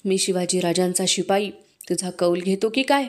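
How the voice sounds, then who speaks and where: A woman reading aloud, voicing a furious, defiant male warrior who shouts back at his enemy. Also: on the low side, moderate pace, close to an everyday voice.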